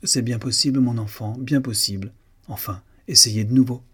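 A man voicing a fussy, sugary old English forewoman in a dressmaking workshop, his husky voice lifted higher for her. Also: fairly even intonation, moderate pace, fairly bright tone. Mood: fussy coaxing. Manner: sugary, coaxing, then fussy.

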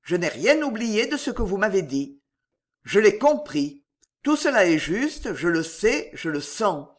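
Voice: medium pitch, very animated, measured pace. A reader voicing a proud, hot-tempered young duke who talks in an impassioned, insistent way. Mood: determined. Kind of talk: audiobook character reading.

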